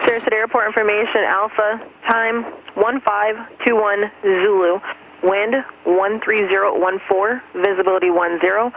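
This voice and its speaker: Automated airport weather broadcast, flat measured readout, tinny radio sound with faint hiss. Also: mid-range voice. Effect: automated airport weather broadcast over aviation radio. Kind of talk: recorded looping airport information broadcast.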